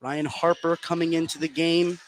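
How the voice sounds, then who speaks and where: A sports announcer calls live play-by-play basketball from courtside in an indoor high school gym. His voice is fairly high with little pitch movement and a moderate pace. The broadcast is noisy, with loud gym ambience all around.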